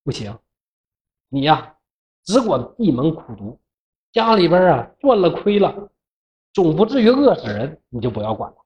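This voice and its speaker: The storyteller voicing a gentle, capable fox spirit woman, in a soft, lowered, steady Northeastern Mandarin manner, on a dull lo-fi recording. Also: normal speed, long pauses, lightly acted. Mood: calm.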